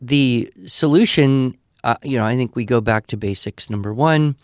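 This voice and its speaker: An older American man, a podcast expert answering listener questions, gives conversational advice in a reassuring, explanatory way. His voice is medium-pitched at a moderate pace, recorded in studio quality with no echo.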